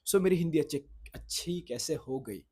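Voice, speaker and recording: With a slightly high, somewhat mellow voice carrying a breathy edge, a young man speaks at normal speed in his vlog. Marathi is his first language, and he rambles, loses the thread, and self-corrects while filming outdoors in the sun at a boys' hostel.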